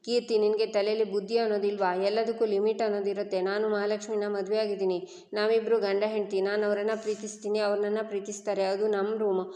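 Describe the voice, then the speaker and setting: A woman's voice: mid-range voice, little pitch movement, fast talker, mellow, close to an everyday voice. A woman voicing a stern, exasperated young husband in a serial recap. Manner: scolding, exasperated. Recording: roomy reverberant room.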